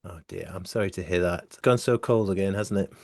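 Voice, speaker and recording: A man co-hosting a podcast, talking in an earnest, gently teasing way and reading a scripted introduction. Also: low voice, brisk, gravelly, no room sound, clean studio sound. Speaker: podcast co-host.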